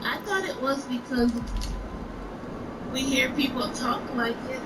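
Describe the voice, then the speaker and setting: Unhurried Southern woman, distant and high. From Mississippi. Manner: unhurried, laughs easily. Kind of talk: casual chat. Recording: distant from the mic with background noise.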